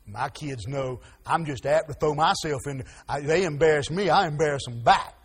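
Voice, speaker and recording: High, husky preacher man. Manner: folksy, stammering restarts, swings from soft asides to loud emphasis. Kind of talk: sermon.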